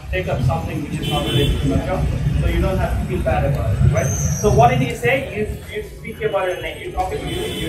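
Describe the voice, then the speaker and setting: Brief: high-pitched male teacher, coaching, repetitive, far mic in a roomy space, loud music behind. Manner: repetitive, coaching, asks students questions. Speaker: English teacher. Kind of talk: classroom speaking lesson.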